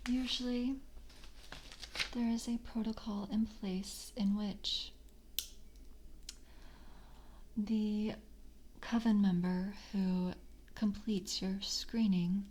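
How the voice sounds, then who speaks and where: In an ASMR roleplay, a woman plays a composed, seductive member of a vampire coven. She speaks in a soft, breathy, medium-pitched whisper, slow and formal yet intimate, with a confiding air.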